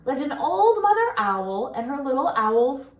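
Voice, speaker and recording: A high-pitched woman reads a picture book to young children, her delivery singsong and expressive, pausing for questions as a pre-K teacher might. The audio sounds dull.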